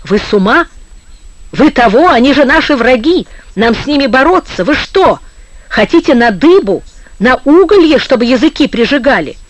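A man reading an audiobook, voicing a frightened older official who speaks fast and urgently. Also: very high-pitched, big pitch swings, no echo, voice pushed up, low-quality recording. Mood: alarmed. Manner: rapid, urgent outbursts. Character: panicky older male official, fearful, agitated.

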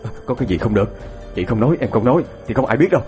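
A man voicing a lecherous young brother-in-law who coaxes in hushed, hurried words. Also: medium pitch, lively intonation, faint music behind, natural voice. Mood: coaxing.

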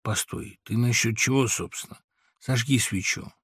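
A man's voice: mid-range voice, steady tone, normal speed, fairly bright tone, breathy edge, dry recording. A man voicing a huge, sleepy, good-natured older man who grumbles and sighs, in an audiobook reading. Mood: grumbling. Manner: grumbling, sighing.

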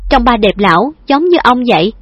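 A woman voicing a lively, affectionate young woman who is playful and teasing, with a chirpy, coaxing manner. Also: a little high, a little fast, breathy edge, no room sound. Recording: dull lo-fi dry recording.

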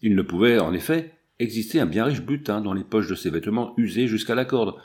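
A man narrating an adventure novel in a steady, measured reading. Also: lowish voice. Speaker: audiobook narrator. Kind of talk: audiobook reading.

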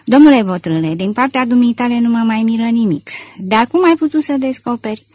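A woman voicing a fussy, excitable older male magistrate given to indignant outbursts. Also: fairly high pitch, no echo, studio quality.

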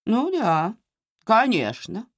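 A woman's voice: mid-range voice, huge pitch swings, takes it slowly, no room sound, pitched above the performer's own voice, exaggerated voice. A woman voicing a stern, blunt older mother who scolds her grown daughter in a dry, curt way. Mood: mocking.

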